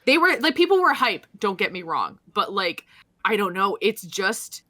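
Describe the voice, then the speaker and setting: Her medium-pitched voice moves at a normal speed as she, a young woman, co-hosts a casual podcast. In easygoing conversation she wanders through stories with lively energy, leaning on lots of fillers and starting sentences over.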